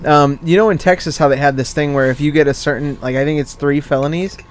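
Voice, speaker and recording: A man's voice: fairly high pitch, fairly even intonation, fast. A man co-hosting a podcast, joking around and telling rambling stories in casual banter. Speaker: co-host.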